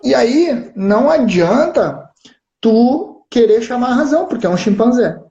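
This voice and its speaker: A man with a southern Brazilian gaúcho accent explains his point patiently, checking in with his listener as he goes. His voice is warm and mellow. It comes through a roomy, somewhat dull live-stream feed. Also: very high-pitched, animated, measured pace. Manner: explains patiently with frequent "né?" and "certo?" check-ins. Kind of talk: explanatory casual chat.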